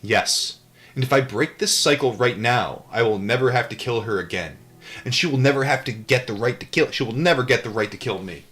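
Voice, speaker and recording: Hosting a live read-aloud, a man switches between reading from a book and tossing off casual, irreverent, rambling asides. He talks briskly at a medium pitch with a slightly bright tone.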